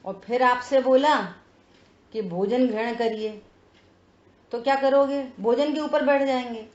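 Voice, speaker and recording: Slow-paced woman teaching a scripture class. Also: a little high, darkish tone. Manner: explains slowly, checks listeners with frequent "है ना?"; reads sutra phrases word by word. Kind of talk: religious text study class. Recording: roomy, dull lo-fi sound.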